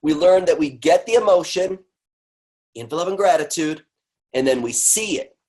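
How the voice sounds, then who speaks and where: Animated man teaching a webinar. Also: a little high, normal speed, slightly rough. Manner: animated, swings between loud bursts and quiet murmurs, repeats phrases. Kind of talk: teaching webinar, guided exercise.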